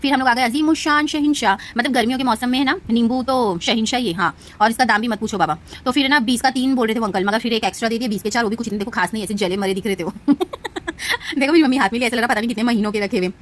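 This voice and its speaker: A woman's voice: a little high, very fast, few pauses. A young woman from narrating her market trip in a playful, rambling vlog voice-over. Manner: playful, rambling, self-teasing. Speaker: vlogger.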